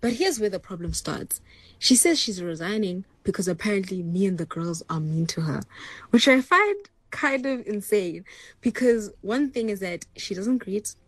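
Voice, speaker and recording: A woman's voice: medium pitch, very animated, moderate pace, no echo. A woman in a recorded voice message, chatting in an exasperated way as she asks listeners for advice. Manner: chatty and exasperated, telling a workplace complaint. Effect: played back as a recorded voice message. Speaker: listener sending in a problem. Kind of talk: casual recorded voice note asking for advice.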